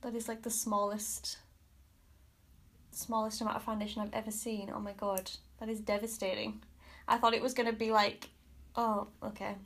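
The voice sits mid-range, fairly bright, with a flat delivery at a moderate pace. Stuffy and congested, this Australian woman in her thirties vlogs about beauty, chatting frankly through a makeup review indoors at her home vanity with mirror lights and hedging with "kind of" and "like."

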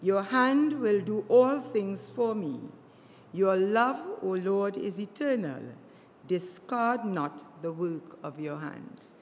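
A woman's voice: mid-range voice, expressive, takes it slowly. An elderly woman in her seventies reading scripture solemnly as a lector, in an echoing church. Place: inside a church. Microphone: microphone on lectern stand. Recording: church reverb with clear background noise.

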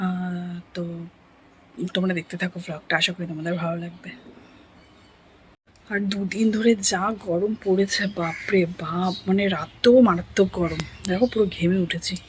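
A woman from India chatting softly through a casual daily home vlog, rambling with little fillers. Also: lowish voice, slight background noise. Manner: talking softly so her son can sleep. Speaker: home vlogger.

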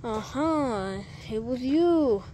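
A woman giving excitable, casual gameplay commentary, swearing and dropping to whispers while hiding. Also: high voice, drawn-out words. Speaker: gamer.

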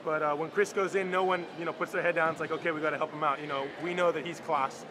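A young male player talks fast and eagerly, in a fairly high voice, on an arena floor. Clear arena noise fills the space behind him, and his sentences tumble out with fillers. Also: fairly even intonation. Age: 20s. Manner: quick, eager, many fillers. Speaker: soccer player. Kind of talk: postgame interview. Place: indoor soccer arena floor.

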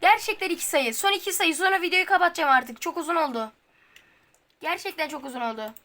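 A woman, hosting a gaming video with casual gameplay commentary. She chats straight to the viewers and bursts into high, frustrated yelps. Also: fast, bright, forceful tone. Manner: talks straight to viewers, colloquial.

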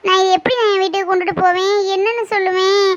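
A woman's voice: extremely high pitch, steady tone, no echo. A woman voicing a shy, tender young village woman in love, pleading and emotional, in a cartoon. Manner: pleading, emotional, quick to tears. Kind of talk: cartoon voice acting. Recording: dull lo-fi recording.

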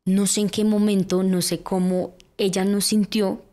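A young woman with a Colombian accent, a podcast guest telling her life story in a lively way, with lots of fillers and acted-out quotes. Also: medium pitch, moderate pace. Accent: Colombian Spanish. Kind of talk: personal storytelling in a podcast interview.

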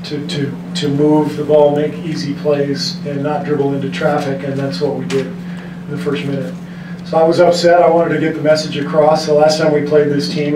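A middle-aged man, a basketball coach, speaking at a press table in a measured, frank way with frequent restarts. His voice sits a touch high for a man and stays narrow in its range. It's caught from a distance in an echoey room with steady background noise. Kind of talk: post-game press conference answers. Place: press room in front of a team backdrop. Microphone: desk mic on a stand, recorded from the room.

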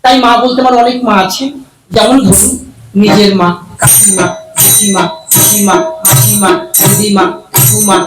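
A man puppeteer doing cheeky, rapid-fire comic patter for a live puppet show audience. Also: high-pitched, little pitch movement. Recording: roomy, distant with music.

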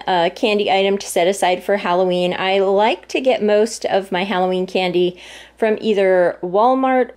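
An older woman talking casually at home about her grocery haul, chatty and homey, lingering on prices and family meals. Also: on the low side. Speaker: vlogger. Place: home, at a table.

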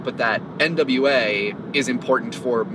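A man's voice: mid-range voice, measured pace. A man co-hosting a podcast, chatting thoughtfully about music while driving, with many restarts. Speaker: podcast co-host. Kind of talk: casual chat on a road trip. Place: inside a moving car. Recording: distant mic, loud road noise in a car.

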